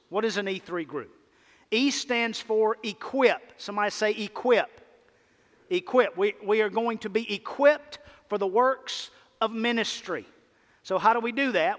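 A male pastor with a Mississippi drawl delivers a sermon in a high-pitched voice. He is emphatic, repeating key phrases and pausing deliberately, and his words ring with the long reverb of a big hall. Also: fairly bright tone. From Mississippi, United States. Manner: emphatic, repetitive, with deliberate pauses and call-and-response. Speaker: pastor preaching. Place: large church hall, preaching to a congregation.

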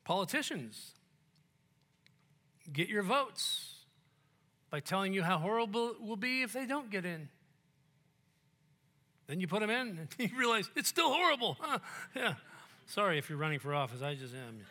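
A male pastor preaching a sermon in church, conversational and joking, dropping to hushed tones at times. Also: sits high, big pitch swings, moderate pace, pauses often. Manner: conversational and joking, with sudden soft, hushed quotes.

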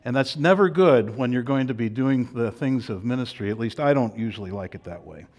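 An older man, a pastor, preaching a sermon in a folksy, halting way with many restarts. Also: mid-range voice, animated, a little mellow. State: out of breath.

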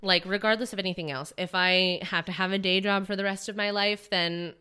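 A woman's voice: mid-range voice, fairly even intonation, fairly quick, sharp tone, smooth. A woman in her twenties, a podcast guest talking about her acting career in an earnest, rambling way, full of likes and restarts. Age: 20s. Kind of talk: casual podcast interview.

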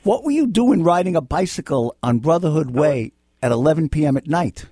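Brisk and fairly high-pitched, this middle-aged American radio host and lawyer sounds mellow yet husky, with lively intonation. Taking legal questions from callers in the studio, he gets blunt and exasperated, scolding and saying things over again. There's no room sound, and the quality is studio grade.

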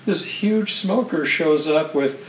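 A man's voice: a little high, slow, recorded from a distance. Man, casual storyteller, rambling, roomy echo, faint room noise. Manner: rambling, full of restarts and laughs. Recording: roomy and from off-mic.

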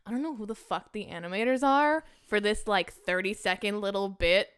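A young woman co-hosting a podcast, retelling a film in a casual, emotional way and jumping into high-pitched quoted voices. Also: moderate pace, clean tone. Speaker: podcast co-host. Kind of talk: casual chat recapping a film.

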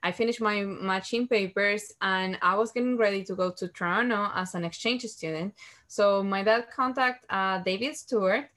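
A woman's voice: medium pitch, normal speed, fairly bright tone. A young woman casually telling a personal story, hesitant, with many fillers and restarts.

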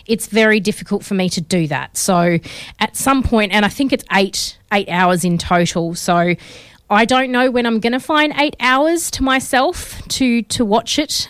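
She's an Australian radio film-show host in her thirties, rambling casually with frequent fillers. The pitch runs on the high side and her voice carries a faint crackle. Recorded on a studio mic in a radio studio, there's no room sound.

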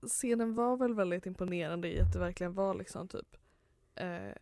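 A woman's voice: fairly low pitch, warm tone, no echo. A woman co-hosting a casual chat, talking hesitantly and laughing easily. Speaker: podcast co-host.

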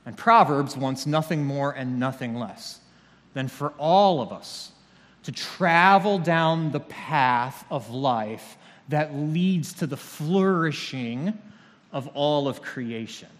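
Pastor guy giving a sermon, chatty and a bit jokey, kinda high voice, big echoey church sound. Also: lively intonation, slow pace, a bit bright. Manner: conversational, with dry humor. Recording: long reverb of a large hall.

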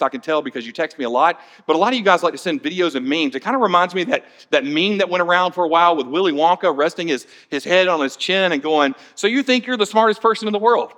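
A pastor with a high, light male voice delivers a sermon. He is animated and switches between earnest teaching and playful, sarcastic asides to the congregation.

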